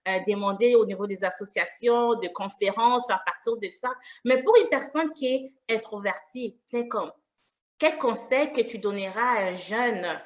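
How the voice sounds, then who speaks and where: A woman's voice: medium pitch, a bit bright. A woman hosting a panel discussion, asking questions in an encouraging way. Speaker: discussion host.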